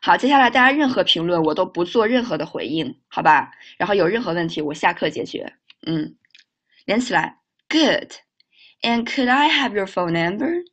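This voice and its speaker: A woman teaching a live online speaking lesson. She repeats model phrases slowly and carefully, breaks into quick chatty asides, and firmly tells students off. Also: fairly low pitch, expressive, a bit bright, lo-fi sound. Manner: firm with students, mildly scolding. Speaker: English teacher.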